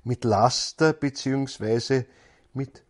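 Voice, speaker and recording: A man's voice: mid-range voice, takes it slowly. A man gives a spiritual lecture in a thoughtful, searching way, often repeating words as he goes.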